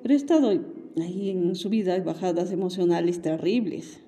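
A woman's voice: lowish voice, fairly quick, dark tone, faint music behind. A woman telling a personal story as a podcast host, in an earnest, emotional way. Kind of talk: personal monologue.

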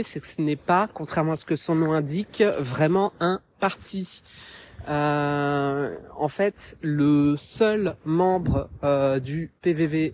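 A man's voice: on the high side, a little mellow, slight background noise. Hesitant man talking while walking. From France. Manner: hesitant, many filler sounds. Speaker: podcast contributor. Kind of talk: casual spoken commentary. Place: small wood outdoors. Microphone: phone voice message.

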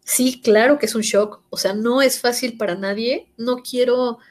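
A woman's voice: a little high, a little slow. A woman in her thirties with a Mexican accent, chatting casually and telling personal stories, acting out what others said. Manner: animated storyteller acting out quoted voices. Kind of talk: casual chat.

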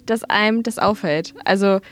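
A woman's voice: medium pitch, moderate pace. A woman hosting a casual interview, asking curious, teasing questions and laughing into them. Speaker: host interviewer.

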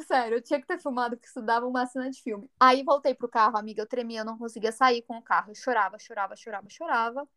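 Woman, Brazilian accent, casual storytelling, animated quoting, quick pace. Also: a little high. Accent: Brazilian Portuguese. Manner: animated, acts out quoted dialogue. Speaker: storyteller guest.

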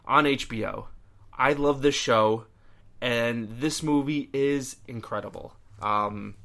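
Bright-voiced young man chatting casually. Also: mid-range voice, takes it slowly, gravelly. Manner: enthusiastic, opinionated, uses many fillers. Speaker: podcast co-host. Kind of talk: casual chat.

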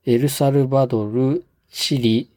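A man's voice: mid-range voice, fairly even intonation, unhurried, darkish tone, no room sound, clean studio sound. A man co-hosting a podcast, chatting casually and politely with lots of hesitant fillers. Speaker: podcast co-host.

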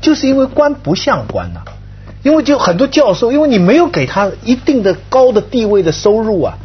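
A man's voice: very high voice, wildly swooping pitch, brisk, husky, lo-fi sound. A man debating casually as a talk show panelist, listing his points and pressing them with rhetorical questions. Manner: argumentative, enumerates points, asks rhetorical questions.

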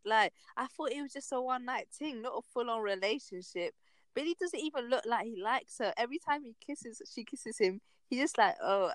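A woman's voice: on the high side, dry recording. A young woman co-hosting a podcast, chatting casually in slang and rambling as she steers the topics. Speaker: podcast co-host. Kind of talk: casual chat.

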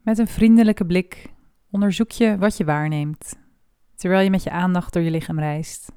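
A woman leading a guided body scan meditation, speaking slowly and softly with long pauses. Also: on the low side, clean tone, no echo, studio quality. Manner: slow, soft and calm with long pauses.

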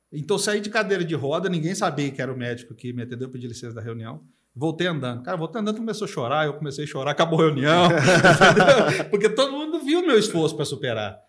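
A man's voice: on the high side, lively intonation, quick pace. A middle-aged man from Brazil telling his own story in casual podcast chat, emphatic, asking "you know?" after his points. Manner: emphatic, fillers like "cara" and "entendeu".

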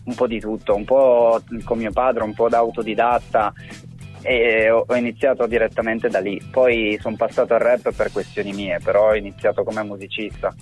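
A man's voice: fairly low pitch, little pitch movement, normal speed, soft background music. A man in his twenties, a guest rapper, talking casually on a phone call that is heard over speakerphone, with easygoing, agreeable replies. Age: 20s. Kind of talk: casual chat. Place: remote spot with weak signal.

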